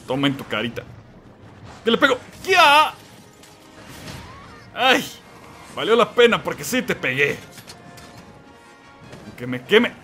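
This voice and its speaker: A man giving excited let's-play commentary, yelling and exclaiming at the game and talking to the monster. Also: a little high, unhurried, long pauses, faint music behind. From Mexico. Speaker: gamer playing and commenting.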